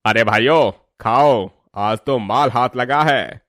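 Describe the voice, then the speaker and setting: A swaggering cartoon thug, loud and bullying as he taunts. His voice is medium in pitch and recorded dry and close. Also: slow, no room sound. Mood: taunting. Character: swaggering male railway-station thug.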